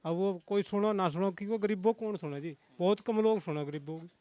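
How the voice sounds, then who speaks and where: A man's voice: high-pitched, a little fast, dark tone, no echo. A man interviewed on the street, explaining his views at length in a rambling way. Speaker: villager interviewed.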